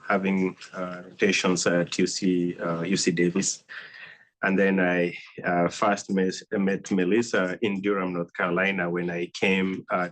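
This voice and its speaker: A man with a Kenyan accent speaks in a very low, fairly even voice, hoarse from a cold. He introduces himself to an audience as a doctor, pausing often as he goes. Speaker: oncology physician and faculty speaker. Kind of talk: informal self-introduction to an audience.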